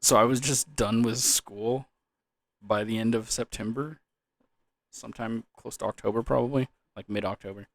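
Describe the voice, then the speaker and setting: A man's voice: lowish voice, fairly even intonation, normal speed, vocal fry, no echo. A young man in a loose, drunken, rambling casual chat about gaming, trailing off, repeating words and swearing casually. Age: young adult. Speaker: gaming vlogger.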